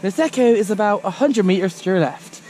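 A man's voice: high-pitched, lively intonation, brisk, a little mellow, slight background noise, low-quality recording. A young man vlogging on a night ski trip, joking and laughing as he talks into an action camera. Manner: jokey, laughing while talking. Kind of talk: casual vlog chat. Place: ski resort at night, indoors and outdoors.

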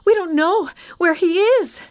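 A woman voicing a grieving young woman who cries out in high, urgent, sobbing tones. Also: unhurried, no room sound, clean studio sound. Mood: breathless. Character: grieving young woman, tearful then overjoyed.

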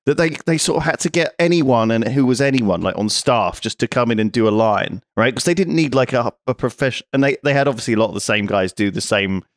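A man's voice: medium pitch, lively intonation, quick pace, few pauses, no room sound, clean studio sound. A man co-hosting a casual podcast who talks through his points and keeps checking in with "right?". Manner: chatty, ends points with "right?". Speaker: podcast co-host.

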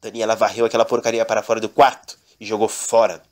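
A man's voice: fairly low pitch, monotone, quick pace, a little mellow. A man telling an absurd comic story in a mock-dramatic, repetitive storytelling manner.

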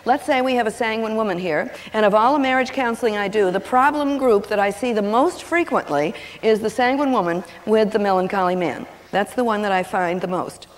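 A woman giving a lively teaching talk, telling stories and acting out what people say in changing voices. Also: mid-range voice, a little fast, hardly any pauses. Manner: animated, acts out quotes in changing voices. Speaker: seminar speaker on personality and marriage. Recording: long hall reverb on an old videotape.

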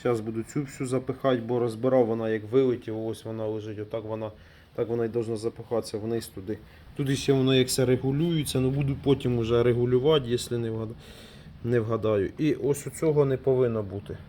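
A man's voice: mid-range voice, fairly even intonation, quick pace, warm tone, slight background noise. Man, DIY mechanic vlogger, casual and unscripted, muttering through a repair in a workshop, friendly asides to viewers. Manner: thinks aloud while working, trailing off and restarting. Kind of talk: casual hands-on repair commentary.

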